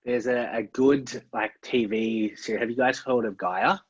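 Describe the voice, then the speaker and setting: A laid-back Australian guest on a podcast speaks in a slightly rough, mid-range voice with fairly even intonation and a normal pace. He often throws in "man" and "like." The dry, dull, lo-fi audio has no room sound.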